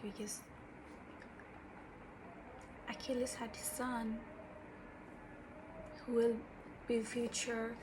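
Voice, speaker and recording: Woman, Bengali accent, unhurried and halting book chat, self-deprecating, medium pitch, clear background noise. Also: flat delivery. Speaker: book reviewer. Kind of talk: casual unscripted book chat.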